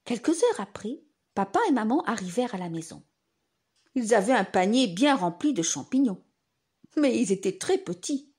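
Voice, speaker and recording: A woman reads a bedtime story as if to a toddler. Her voice is very high and husky, and she takes her time with swooping, expressive phrasing. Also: normal speed. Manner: expressive, simple, as if reading to a toddler. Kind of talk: children's bedtime story narration.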